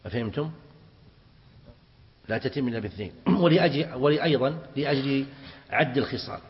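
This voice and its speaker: A man teaching a classical religious text to students, explaining it slowly and quizzing them as he goes. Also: mid-range voice. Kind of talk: mosque lesson explaining hadith. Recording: dull reverberant hall recording.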